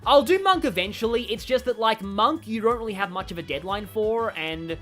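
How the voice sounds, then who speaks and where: Soft background music accompanies a woman's animated, fairly quick voice of medium pitch and fairly bright tone. She's streaming a game live, rambling through opinionated thoughts out loud and chatting with her viewers.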